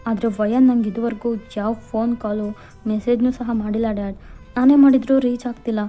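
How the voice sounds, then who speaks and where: A woman's voice: mid-range voice, steady tone, fairly quick, dark tone, faint music behind, lightly acted. A woman voicing an anxious young man who urgently worries about his missing girlfriend in a fan fiction voiceover. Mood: worried.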